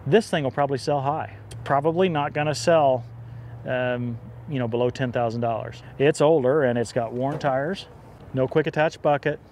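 A man's voice: medium pitch, steady tone, normal speed, a little mellow. A man hosting a video, casually explaining a tractor's features at an outdoor auction. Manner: explanatory, easygoing. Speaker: host. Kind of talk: casual walk-around commentary. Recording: noisy outdoor recording.

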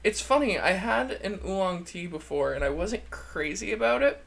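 A man with a campy, chatty drag queen manner, giving a casual, gushing video review in a creaky voice. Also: sits high, expressive, moderate pace, a bit bright. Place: indoor room, seated at a desk.

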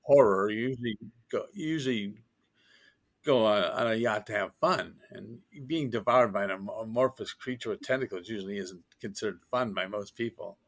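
A science fiction author appears as a guest in a casual interview, telling wry, joking stories with many restarts. His voice is on the low side, and he speaks at normal speed.

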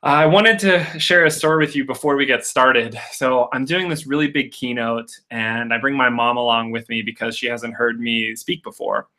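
A young man speaks with a bright, forceful edge into a webcam on a video call. He hosts a live Q&A in a chatty, upbeat way. He tells stories and fills pauses with frequent uhs. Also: medium pitch, steady tone. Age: young adult. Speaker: public speaking coach hosting a Q&A. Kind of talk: casual live webinar talk and storytelling.

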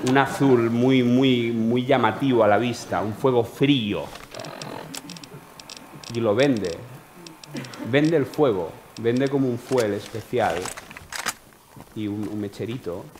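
A man's voice: mid-range voice, slow pace, long pauses, slight background noise. A man improvising an absurd comic monologue, rambling, swearing often and trailing into restarts. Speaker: comedian. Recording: echoey live venue with a loud crowd. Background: crowd laughter and ambience.

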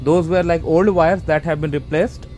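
A homeowner vlogger casually narrates a walkthrough of his basement renovation, rambling with many fillers and restarts, filmed on a handheld or body camera from a first-person view. His voice is on the high side, slightly mellow, with fairly even intonation and a moderate pace over soft background music. He moves through the unfinished basement and later outdoors into a stairwell.

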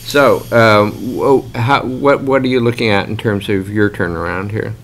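A man's voice: lowish voice, steady tone, normal speed, a bit bright, slight background noise. A man chairing a committee meeting, talking hesitantly and restarting sentences as he steers the agenda. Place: conference room around a large table.

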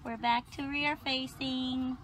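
High-voiced young woman vlogging. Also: little pitch movement, slow pace, a bit bright. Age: 20s. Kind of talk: casual chatty vlog. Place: small indoor rooms and parked car. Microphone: phone at arm's length. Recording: noisy handheld phone recording.

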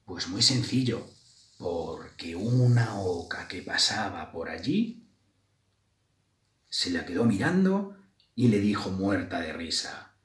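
Reading a children's story aloud at a library, this storyteller addresses the kids directly in a slow, lively manner. The deep voice is picked up by a distant mic, with roomy echo in the recording.

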